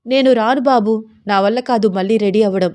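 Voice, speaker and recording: A woman's voice: fairly high pitch, fairly quick, a little mellow, lightly acted. A woman voicing a shy young wife who coyly protests her husband's advances. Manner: protesting, coy.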